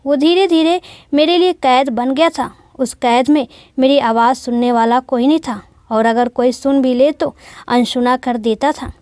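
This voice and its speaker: A woman's voice: sits high, darkish tone, dry recording, studio quality. A woman voicing a young wife who tells of an abusive marriage in a sorrowful first-person account.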